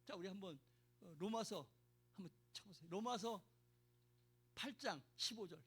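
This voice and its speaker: A middle-aged pastor preaching a sermon, emphatic and calling out to the congregation for responses. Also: male voice, high-pitched, normal speed, fairly bright tone, husky.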